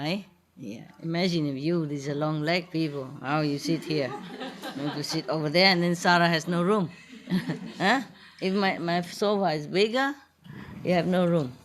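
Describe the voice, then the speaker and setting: Slow, playful woman spiritual teacher. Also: fairly low pitch. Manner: playful, laughs often, broken English. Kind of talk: casual talk with a gathering.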